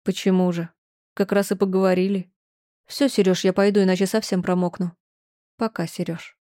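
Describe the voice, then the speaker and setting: A frightened teenage girl in an audiobook, speaking softly and wearily as she pushes a boy away, voiced by a woman. The tone is quiet and mellow. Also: mid-range voice, flat delivery, moderate pace, no room sound, clean studio sound, natural voice. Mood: weary. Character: teenage girl, tired, evasive, scared.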